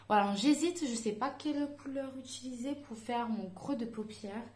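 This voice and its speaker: A woman's voice: fairly high pitch, moderate pace, a little mellow. A woman chatting casually through a makeup tutorial, hesitant and full of fillers as she talks to her viewers. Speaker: beauty vlogger. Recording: echoey room.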